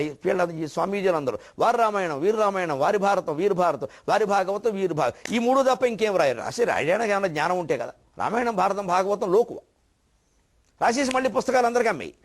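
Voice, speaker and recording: An older man giving a religious discourse, indignant and scolding, firing off rhetorical questions and slowly chanting verses. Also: high voice. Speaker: spiritual orator.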